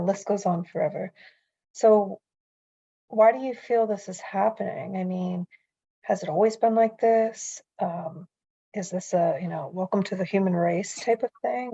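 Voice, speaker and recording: Gravelly, mellow-voiced woman asking questions. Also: on the low side, dull audio. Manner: inquisitive, conversational.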